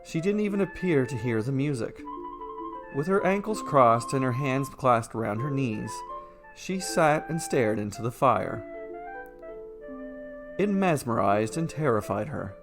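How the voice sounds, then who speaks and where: Narrating a scripted fairy tale, a male storyteller uses an expressive, mid-range voice and an unhurried pace. Instrumental music plays in the background of the recording.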